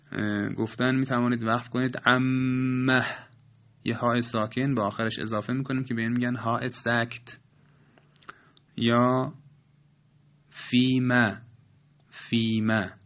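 A man in a recorded lesson, explaining Quran recitation rules step by step. He keeps a measured, patient pace and uses polite, formal phrasing. His voice sits in a middle pitch, and the recording sounds a little dull and lo-fi. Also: fairly bright tone.

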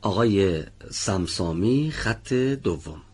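A man teaching the pronunciation of a letter in a radio lesson, reading model words slowly and drawn out, then correcting learners one by one. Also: on the low side, lively intonation, darkish tone, breathy edge. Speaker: Quran recitation teacher.

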